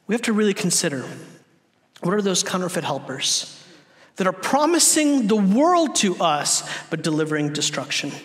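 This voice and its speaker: A man in his thirties preaches from a big dark church stage, his voice sitting very high for a man. He acts out the voices in his stories and moves from near-shouts to soft, low lines. A long reverb hangs after his words. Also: moderate pace. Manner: animated, acts out quoted voices, swings from loud to hushed. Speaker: guest preacher. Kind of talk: sermon.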